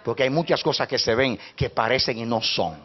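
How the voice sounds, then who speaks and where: A man preaching a sermon as pastor, impassioned, swinging between hushed passages and loud, rising preaching. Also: medium pitch, a little fast, husky. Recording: dull lo-fi recording.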